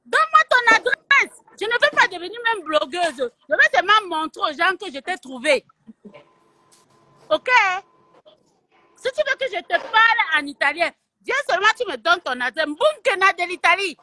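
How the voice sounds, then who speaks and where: High, lively Cameroonian woman ranting. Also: normal speed. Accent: Cameroonian French. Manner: taunting and confrontational, slipping into Italian. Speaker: live streamer. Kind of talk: heated live-stream rant. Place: at home in Italy.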